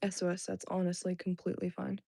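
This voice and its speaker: A young livestream host who first spoke Indonesian rambles through a casual chat with her viewers, heavy on fillers, "like"s and restarts. She speaks quickly in a low, monotone, creaky but warm voice, captured dry with clean studio sound.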